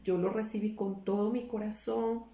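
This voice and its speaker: A woman's voice: medium pitch, level tone, moderate pace, warm tone. A woman giving an earnest, emotional personal testimony, often repeating her words and quoting her own past pleas. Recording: roomy, somewhat distant from the mic.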